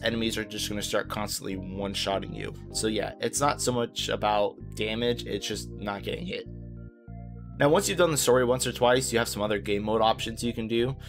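A man narrating a casual video game guide as host, informal, easygoing and reassuring in how he talks. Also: on the low side.

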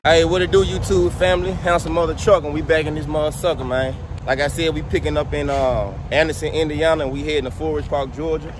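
A man, a truck driver vlogging in a relaxed, slangy way, repeating himself as he talks through his work. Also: fairly high pitch, fast talker, few pauses, music in the background. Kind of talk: casual vlog narration. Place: outdoors at a truck yard and inside a truck cab. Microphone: headset mic. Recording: outdoor vehicle noise.

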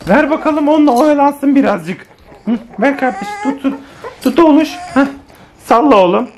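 A woman whose voice sits high chats playfully to her viewers at a moderate pace while recording her kids at home on a handheld phone camera. In this casual family vlog, she teases the child and speaks to the audience like friends. There is slight background noise.

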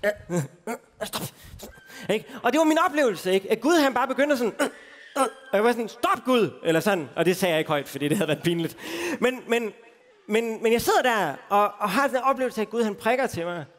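A man with a high voice tells a personal faith story as a sermon, informal and self-mocking, full of fillers. He speaks from a festival stage, and his voice rings with a long hall reverb. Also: expressive, fairly bright tone, a little hiss or hum. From Denmark.

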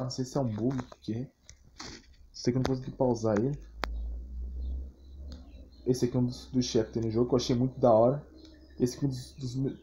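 This gaming YouTuber speaks with a Brazilian accent in a warm, medium-pitched voice, offering loose, unscripted reactions to fan game images and videos. His slangy delivery wanders and repeats, and the phone recording sounds muffled and noisy with clicks.

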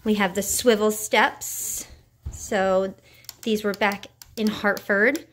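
Slow-talking mother giving a home tour. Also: mid-range voice, steady tone. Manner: unhurried, cheerful tour-guide talk. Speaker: parent filming a tour. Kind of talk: casual home video narration. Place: living room at home. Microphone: handheld camera.

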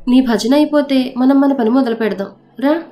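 A woman's voice: high-pitched, normal speed, dark tone, natural voice. A woman storyteller voicing a rich, arrogant young man who teases, then makes blunt proposals. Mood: teasing.

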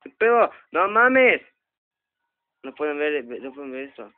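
A man's voice: mid-range voice, big pitch swings, a little fast, a little hiss or hum. A young man with a Mexican Spanish accent commentating a horror game, swearing nonstop and yelping in panic. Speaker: gamer host. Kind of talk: let's play commentary. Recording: tinny lo-fi phone recording.

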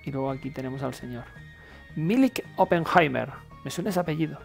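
Creaky-voiced Castilian Spanish man commenting on games. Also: medium pitch, racing, a little mellow. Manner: colloquial, informal, thinking aloud. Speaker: video game player and commentator. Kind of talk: casual gameplay commentary. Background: game music.

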